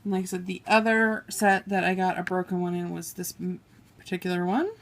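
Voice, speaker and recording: A woman beauty vlogger with a lowish, creaky voice speaks a little fast and with little pitch movement, over a faint hiss or hum. She chats casually through a makeup haul, swatching shades on her arm and apologizing for mispronouncing names. Her hands are filmed by a camera set on a table.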